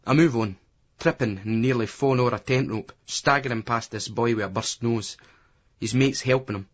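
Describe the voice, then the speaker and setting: A Scottish man reads a first-person novel in a blunt, crude, offhand voice at a middling pitch. The recording is dull and lo-fi. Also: moderate pace. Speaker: audiobook narrator.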